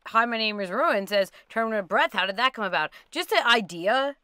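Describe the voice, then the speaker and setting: A woman with a bright, crisp voice co-hosts a relaxed livestream chat. She talks informally in loose, hedged phrases, and the sound is close and dry. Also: on the high side, a little fast, dry recording. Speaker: co-host reading audience questions.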